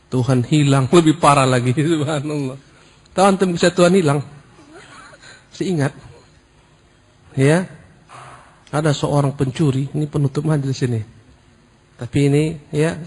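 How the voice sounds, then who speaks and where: A man's voice: medium pitch, darkish tone, husky. A middle-aged man preaching a sermon on a religious book, emphatic and full of exclamations. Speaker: Islamic preacher.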